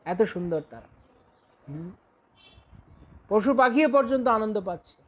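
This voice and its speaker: Male preacher, high pitch, slow delivery; devotional storytelling with chanted refrains. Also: animated, muffled recording. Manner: breaks into slow sung kirtan refrains; unhurried storytelling with dramatic quoted cries. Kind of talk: devotional discourse with sung chants.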